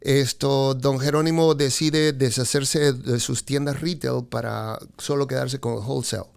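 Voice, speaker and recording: Speaking with fairly even intonation in an unhurried, gravelly, clear, and resonant mid-range voice, this man recounts his career on a podcast. He's from Peru, in his fifties, and an expert on car dealerships, and his casual storytelling is peppered with fillers and repeated "correcto."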